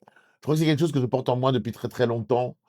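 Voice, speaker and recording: A man's voice: mid-range voice, fast, warm tone. A middle-aged man from southwest France answering interview questions as a documentary presenter, earnest and hesitant with many fillers and restarts.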